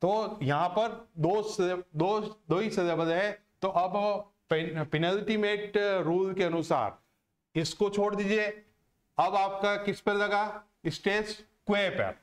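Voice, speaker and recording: A man teaching a lesson on word stress, slow and deliberate, who asks questions and answers them himself. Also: sits high, steady tone. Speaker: English teacher.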